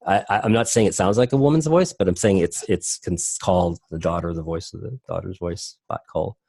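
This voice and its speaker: Deep-voiced man lecturing, rambling. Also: brisk, gravelly, dark tone, no echo. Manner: rambling, many fillers and restarts. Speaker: teacher. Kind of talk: online presentation lecture.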